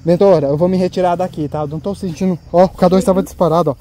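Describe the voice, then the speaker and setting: Speaking very fast in a high-pitched voice with fairly even intonation, this Brazilian-accented channel host narrates a live night-time ghost hunt outdoors. He's anxious and exclamatory, pointing things out as he goes, over loud crickets and insects and a little hiss or hum.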